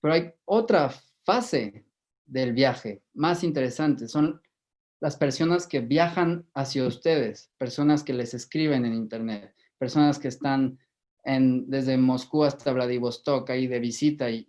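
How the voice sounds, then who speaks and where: A man with a Mexican Spanish accent giving a measured lecture to a live audience, often repeating words while he thinks. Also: mid-range voice, darkish tone. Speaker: guest lecturer. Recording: dull lo-fi recording.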